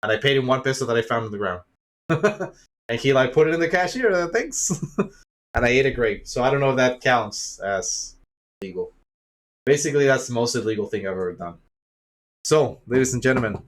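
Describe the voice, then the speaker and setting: A man's voice: medium pitch, expressive, moderate pace. A young man from Chile, a little sick, ranting angrily in an unscripted vlog and swearing often. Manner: frustrated, swears a lot, acts out imagined dialogue. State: slightly sick, coughing. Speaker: YouTuber and streamer.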